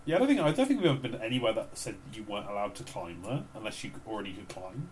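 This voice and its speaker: A man's voice: lowish voice, sing-song, racing, slight background noise. A man co-hosting a podcast, chatting casually with many fillers and restarts. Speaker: podcast co-host. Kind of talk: casual chat.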